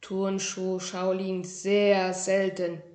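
A woman voicing a tiny, cocky male kung fu master who speaks slow, emphatic broken German. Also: mid-range voice, monotone, darkish tone, roomy sound. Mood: boastful.

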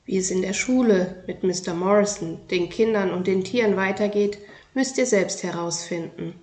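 A woman narrating a children's book in a lively, expressive storytelling manner. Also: mid-range voice, moderate pace. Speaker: audiobook reader. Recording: roomy echo.

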